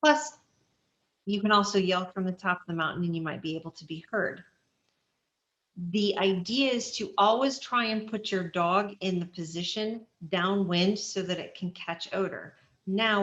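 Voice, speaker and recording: A woman's voice: medium pitch, fairly bright tone, roomy sound, lo-fi sound. A woman instructor explaining search dog strategy to a class in a practical, step-by-step way with frequent fillers. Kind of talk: online class lecture.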